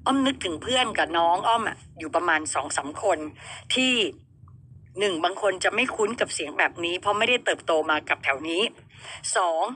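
Bright-voiced woman radio host, chatty, keeps asking listeners questions, faint background noise. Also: medium pitch. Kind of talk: casual radio chat.

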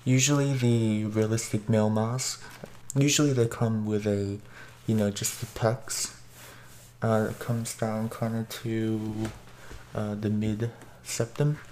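A man casually reviewing a mask while wearing it, hesitant with many pauses and restarts, his voice coming through the face mask. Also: fairly low pitch, level tone, warm tone, slight background noise.

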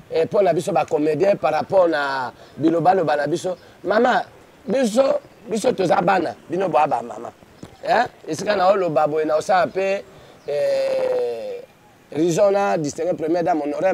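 Crowd noise rises behind a man whose voice sits high. He's a comedian staying in his stage persona for a street interview, exuberantly and declamatorily promoting himself while mixing two languages.

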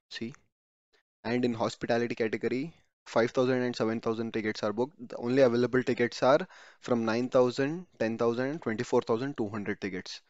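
Medium in pitch and darkish in tone, this man talks through a screen-recorded tutorial for YouTube, frequently repeating himself and fixing words mid-way. It's a dry, slightly dull home voice-over.

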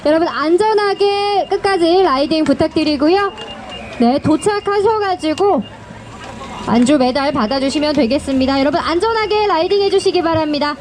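A woman's voice: high-pitched, expressive, normal speed. A woman making live public announcements at an outdoor cycling start, giving riders instructions in a courteous customer-service manner. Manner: repeats safety instructions encouragingly. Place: outdoors at a race start line. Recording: noisy outdoor recording with passing vehicles.

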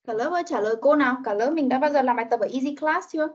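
High-voiced woman teaching kids online. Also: breathy edge. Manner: coaxing, models words slowly for children to repeat. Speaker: English teacher for young children. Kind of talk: online class lesson. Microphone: video call. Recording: dull lo-fi video call audio.

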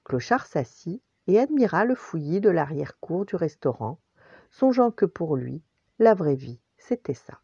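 A woman's voice: on the low side, measured pace, breathy edge, no echo, muffled recording. Older woman reading a bedtime story. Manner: gentle, expressive storytelling. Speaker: storytelling grandmother.

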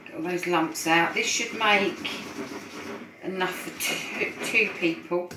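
Friendly middle-aged woman hosting a home cooking lesson, lower pitch, echoey kitchen with clattering dishes. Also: takes it slowly, distant mic, background noise. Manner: chatty, encouraging, talks while whisking. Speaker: support worker cooking host. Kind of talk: casual cooking demonstration. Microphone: phone camera at a distance. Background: clinking bowls and utensils.

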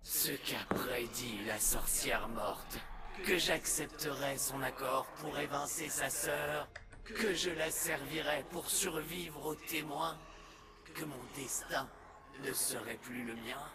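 A man playing a bitter, vengeful monstrous sorcerer in a video game cutscene, declaiming theatrically with menacing pauses. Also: fairly high pitch. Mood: bitter defiance.

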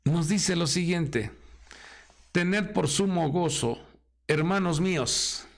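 Male preacher, gravelly voice, unhurried dramatic delivery. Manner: dramatic preaching, acting out quoted voices with swings in pitch. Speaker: apostle preaching. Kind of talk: sermon.

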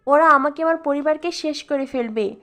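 A woman reading the lines of a resolved family man, firm and insistent, with no attempt to lower her voice. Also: normal speed, fairly bright tone. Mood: resolute.

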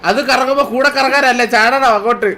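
High-voiced excitable male gaming streamer. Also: fast talker. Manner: excitable, bossy, barks instructions at his partner. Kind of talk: casual co-op game commentary. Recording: game music playing under the voice.

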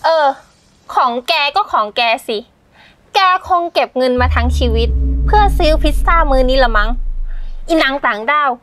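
A woman's voice: sits high, lively intonation, normal speed, fairly bright tone, a little hiss or hum. An actress playing a haughty, scornful young female site office worker in a melodramatic short drama. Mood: angry, contemptuous. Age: young adult. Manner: scornful, scolding. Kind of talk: acted melodrama dialogue. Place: outdoors at a building site. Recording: music under the voice.

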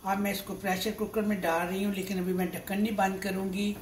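A Pakistani woman in her sixties, a home cook hosting a cooking show, talks fast in a mid-range voice with little pitch movement while working at the stove. She explains each step unscripted, often repeating herself, in an echoey kitchen with loud sizzling, stirring, and clattering pots and dishes adding slight noise.

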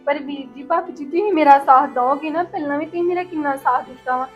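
Young actress as a crying young wife, high quick pleading voice, faint music under her. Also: muffled recording, close to an everyday voice. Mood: tearful. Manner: pleading and tearful. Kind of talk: village family drama acting.

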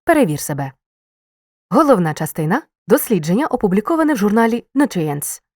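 A woman reading a scripted grammar lesson, explaining clearly and stressing key words. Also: medium pitch, very animated, a little fast, a little mellow, no room sound, studio quality. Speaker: teacher.

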